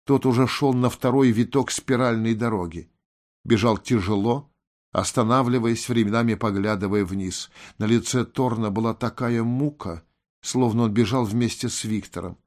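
A man narrating a fantasy audiobook in a steady, dramatic reading. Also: mid-range voice, normal speed.

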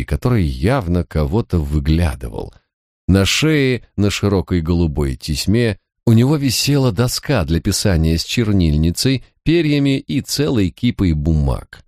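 A man reading a historical novel aloud as a first-person audiobook narrator, in a measured, literary storytelling manner. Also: low-pitched, a little mellow, no echo, studio quality.

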